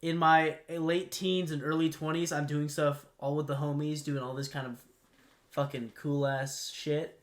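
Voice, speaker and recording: A man's voice: a little high, little pitch movement, measured pace. A young man co-hosting a podcast, chatting animatedly with friends, laughing and leaning on fillers. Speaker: podcast co-host. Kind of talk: casual chat.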